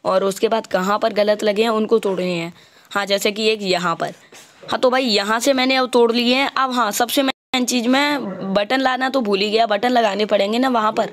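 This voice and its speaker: A man giving casual gameplay commentary, chatty and walking the viewer through each step, stopping to fix his own mistakes out loud. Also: high-pitched, steady tone, normal speed. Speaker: gaming channel host.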